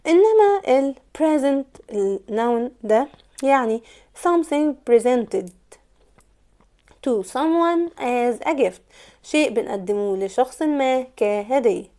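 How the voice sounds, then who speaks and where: A woman with an Egyptian Arabic accent gives an English lesson in a fairly high but mellow voice. She slows right down to repeat example words, leaning on each stressed syllable. Her delivery is patient and explanatory. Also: animated. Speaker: English teacher. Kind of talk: online language lesson.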